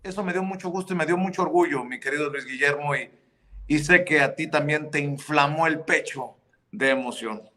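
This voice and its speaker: A man's voice: a little high, a little fast, bright, forceful tone. A man with a Mexican accent hosting an online talk show, blunt and joking with colloquial swearing. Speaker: host.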